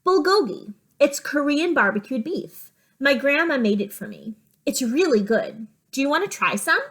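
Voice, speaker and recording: An eager young schoolboy from a picture book, acted out by a woman reading aloud. The voice sits on the high side and sounds friendly and expressive, as a storybook character. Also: moderate pace. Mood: friendly, offering.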